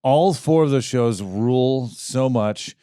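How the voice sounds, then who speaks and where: A man's voice: mid-range voice, slow pace, mellow, clean tone, no room sound, studio quality. A man co-hosting a casual comedy podcast, telling stories with easy enthusiasm and casual swearing. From Southern California. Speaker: podcast co-host.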